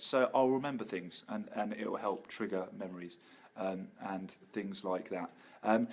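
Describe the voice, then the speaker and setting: A man giving a casual, chatty, upbeat video update to friends and followers. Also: fairly low pitch. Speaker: vlogger.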